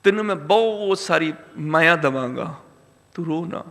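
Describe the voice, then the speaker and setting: Brief: a coaxing father hushing a newborn, as a male preacher puts him on; high, bright tone with long hall reverb. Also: animated, moderate pace, vocal fry. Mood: pleading. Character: doting father pleading with crying newborn.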